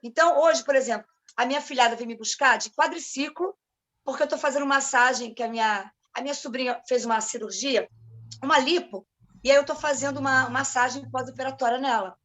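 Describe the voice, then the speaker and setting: A woman with a Rio de Janeiro Brazilian accent telling stories in casual chat, animated and acting out the dialogue in different voices. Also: high-pitched, fairly quick. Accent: Brazilian Portuguese, Rio de Janeiro.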